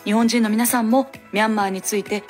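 A woman hosting a language lesson, giving clear, instructive scripted explanations on a studio microphone. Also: fairly high pitch, fairly even intonation, fairly quick, soft background music.

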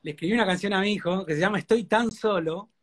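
Here a man's high voice moves fast as he gives a personal testimony in a live interview, his accent Rioplatense Spanish. Like a devoted preacher, he is earnest and heartfelt, hammering points home through constant repetition.

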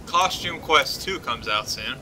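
A man's voice: medium pitch, expressive, unhurried, pushed and bright, a little hiss or hum, rough recording. A young man playing a co-op game, telling rambling stories in a laid-back, self-amused way. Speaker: co-op gameplay commentator. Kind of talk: casual gaming banter.

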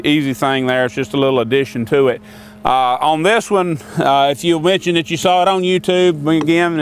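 An older man casually demonstrating sawmill tools outdoors, talking in a folksy, rambling way with many fillers. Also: medium pitch. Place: outdoors by a sawmill and in a wooded lot.

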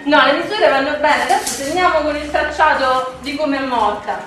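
A woman's voice: high voice, normal speed. A woman with a Roman accent bantering playfully in an improvised home-made sketch, picked up by a distant camera microphone. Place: echoey indoor room at home. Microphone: distant handheld camera microphone. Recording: very echoey, noisy, far-off camera mic.

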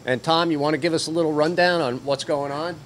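A man's voice: on the high side, steady tone, fast talker, a little hiss or hum. Older man hosting an easygoing fishing report. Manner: easygoing, chatty, many "uh" fillers. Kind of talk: casual on-location report. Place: outdoors at docks, then inside a deli. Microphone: handheld mic.

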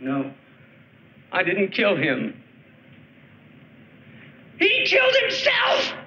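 A man's voice: on the high side, animated, moderate pace, pushed and bright, echoey room, lo-fi sound, a little hiss or hum. An actor playing a hot-headed, belligerent man who insults and threatens the people around him, on an old film soundtrack. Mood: furious. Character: hot-headed tough male test subject, belligerent.

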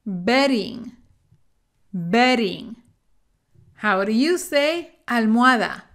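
A woman teaching English vocabulary to Spanish speakers, saying each word slowly and carefully and then repeating it. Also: on the high side, expressive, fairly bright tone. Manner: slow, careful word-by-word pronunciation drills. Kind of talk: bilingual vocabulary lesson.

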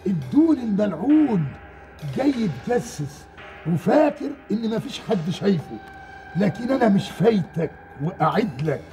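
A sly, watchful jinn servant, mellow and high. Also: male voice, big pitch swings, moderate pace, faint music behind. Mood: conspiratorial. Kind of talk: TV drama acting.

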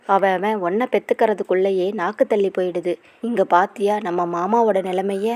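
A woman's voice: medium pitch, steady tone, moderate pace, darkish tone, no room sound, natural voice. A woman doing a cheeky teasing young man. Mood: mocking. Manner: mocking, cheeky.

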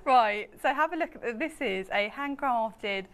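A woman's voice: a little high, animated, moderate pace, noisy background. A British woman, around her thirties, presenting as a home shopping host in chatty, informal, rambling and giggly live sales banter. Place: TV studio.

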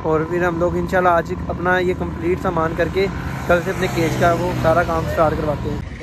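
Outdoors among roads, shops and brick yards, a young vlogger with a Pakistani Punjabi accent talks casually to his arm's-length phone camera. His voice is on the high side, flat and a little fast, and the street traffic and ambience come through clearly.

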